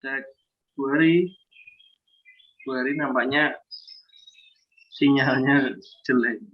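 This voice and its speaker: A man on a glitchy, robotic online call, his voice dull and lo-fi and sounding a bit far from the mic. He speaks slowly and calls out short sound checks, unsure whether anyone hears him. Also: medium pitch, steady tone, breathy edge. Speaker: alumni guest speaker.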